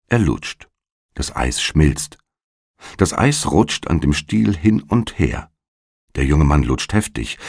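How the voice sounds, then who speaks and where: A man reads a short story aloud in short, measured sentences. His voice is very deep, gravelly and husky, with lively pitch movement. The sound is dry and close. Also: dry recording. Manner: measured, plain delivery. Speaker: narrator.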